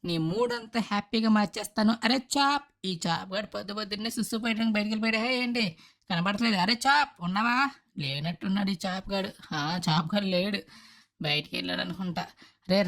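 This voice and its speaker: A woman doing a fast-talking, fussing uncle. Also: mid-range voice, vocal fry, close to an everyday voice. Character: caring uncle character, cheerful and fussing. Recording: game music in background.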